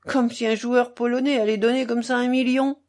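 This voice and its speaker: A woman doing a loud, reckless young gambler. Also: medium pitch, sing-song, a little slow, creaky, exaggerated voice.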